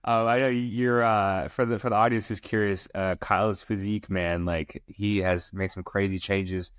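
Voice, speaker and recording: A male podcast host with a lowish voice, hyping up his guest in loose, slangy talk. The sound is close and dry, with no room around it. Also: level tone, moderate pace, smooth, dry recording. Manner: hyped, slangy, calls guest "my boy" and "my brother". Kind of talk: casual podcast interview.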